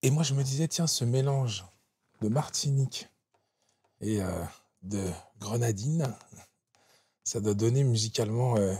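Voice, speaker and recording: A man hosting a music interview, relaxed and prompting his guest with short affirmations among record shelves. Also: mid-range voice, unhurried, pauses often, slightly rough. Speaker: host. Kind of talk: conversational interview. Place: record library shelves, indoors.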